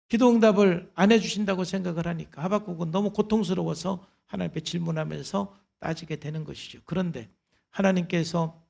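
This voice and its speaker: Male pastor, fairly high gravelly voice, earnest conversational sermon delivery. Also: darkish tone. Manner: earnest, explanatory, conversational preaching. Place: church service.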